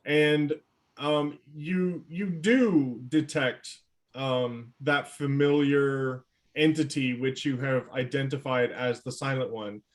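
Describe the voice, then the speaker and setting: Man, game master, slow, measured, hesitant. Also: mid-range voice, steady tone. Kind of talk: narrating a tabletop game.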